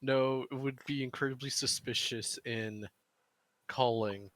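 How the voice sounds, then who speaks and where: A man's voice: mid-range voice, steady tone, measured pace, fairly bright tone, dry recording. A man competing on an online game show, hesitant and trailing off as he answers. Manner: hesitant, trails off, nervous laughter. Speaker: contestant. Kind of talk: casual banter on a voice call.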